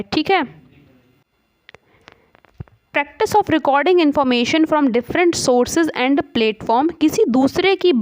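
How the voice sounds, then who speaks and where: A woman teacher coaching students for an exam. She explains each term step by step and reads English definitions out slowly. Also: high-pitched, no echo, lo-fi sound.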